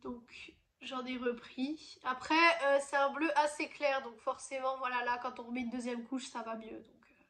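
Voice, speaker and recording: A woman's voice: high voice, flat delivery, normal speed, a bit bright. A woman vlogger who is ill, chatting casually through a makeup review with many hesitant fillers. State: ill, voice not as usual. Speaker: beauty vlogger.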